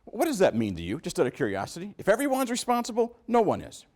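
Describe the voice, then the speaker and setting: A man's voice: high voice, quick pace, noisy background. A man giving a motivational talk at a business meeting, asking the audience questions and acting out quotes. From New York. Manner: animated, asks the audience questions, acts out quotes. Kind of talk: motivational speech.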